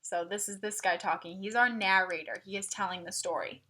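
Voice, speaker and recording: Fairly quick and fairly even in intonation, her mid-range voice comes across pushed and bright. She's reading a picture book aloud for kids, adding easy explanations and questions much as a teacher would.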